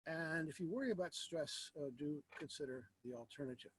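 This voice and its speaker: A man giving an informal philosophy lecture, speaking in a halting, reflective way with rhetorical questions. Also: fairly high pitch, noisy background.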